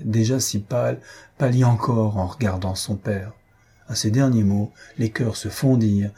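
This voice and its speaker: A man reading a historical tale aloud as an audiobook narrator, in measured, even storytelling. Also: fairly low pitch, slightly rough. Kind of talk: scripted narration.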